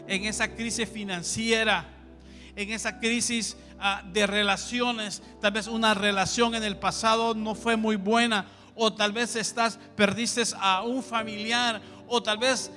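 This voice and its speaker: A man's voice: high-pitched, bright, forceful tone, long reverb tail. A man with a Honduran accent preaching a sermon as pastor, emphatic and repeating his key phrases.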